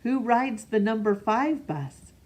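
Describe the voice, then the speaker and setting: A fairly high-pitched woman with a darkish tone and lively intonation reads a picture book to young kids. Acting as storyteller, she's expressive and pauses for questions.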